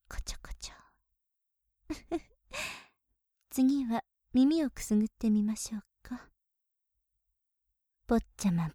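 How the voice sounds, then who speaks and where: A young woman plays a playful young maid who teases her master in a polite, coaxing voice, in a whispered role-play. Her voice sits a little high but sounds mellow and warm, with soft breathy giggles. It is recorded close up and dry, with no room sound. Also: dry recording, close to an everyday voice.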